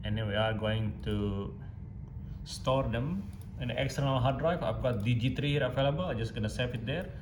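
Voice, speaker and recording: A man with a medium-pitched voice gives an informal, step-by-step tutorial at a moderate pace, demonstrating audio digitisation software. He is recorded in an echoey room with clear background noise.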